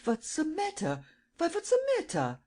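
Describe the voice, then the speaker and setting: A reader voicing an excitable, secretive old man with a German accent, who stammers and bursts into high exclamations. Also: normal speed. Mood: alarmed.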